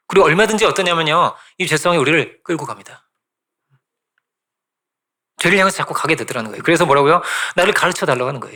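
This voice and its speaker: A man's voice: on the high side, sharp tone. A male pastor giving a conversational sermon, often asking the congregation "right?" and repeating phrases for emphasis.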